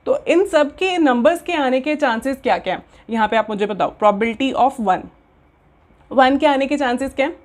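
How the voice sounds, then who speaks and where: A woman from India teaching a maths lesson, mixing Hindi and English, slowly dictating terms word by word and checking in often with the class. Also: sits high, lively intonation. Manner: slow, dictating terms word by word while writing.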